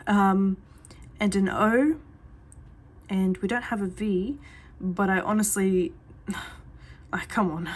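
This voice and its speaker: A woman giving a psychic reading, talking straight to her client in an earnest, reassuring way and repeating that she does see things. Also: medium pitch. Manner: chatty, with many fillers and restarts. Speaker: psychic reader. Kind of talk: reading coffee grounds to a client.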